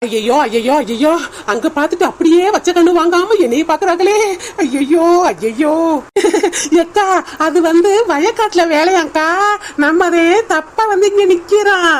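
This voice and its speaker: A performer voicing a sly young village woman with a Kanyakumari Tamil accent, calling out in a drawn-out sing-song. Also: extremely high pitch, expressive, slight background noise. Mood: sheepish.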